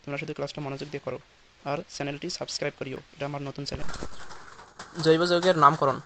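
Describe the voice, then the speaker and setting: Male tutor, rapid delivery, slightly high voice, keeps quizzing himself, faint hiss behind. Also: fairly even intonation, pushed and bright. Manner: repeats steps, asks and answers his own questions. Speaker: chemistry teacher. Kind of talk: recorded online lesson.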